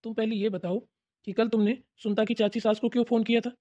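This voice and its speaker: A woman's voice: fairly high pitch, level tone, fast talker, very noisy, close to an everyday voice. A woman voicing a stern adult man, an elder brother and husband, who lectures and nags, in a cartoon. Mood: demanding. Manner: lecturing, nagging with repeated "hmm?". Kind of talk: cartoon voice acting. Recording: dull lo-fi recording.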